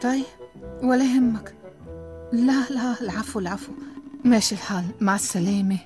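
A woman's voice: a little high, fairly quick, music in the background, natural voice. An actress playing an anxious mother fearing bad news, in Lebanese Arabic. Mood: subdued. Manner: anxious, questioning. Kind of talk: dubbed TV drama.

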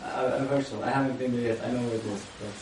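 A man's voice: medium pitch, steady tone, rapid-fire. A man from Iraq in the audience, answering questions hesitantly and modestly, with many fillers. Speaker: audience member. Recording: echoey room from far off, loud noise.

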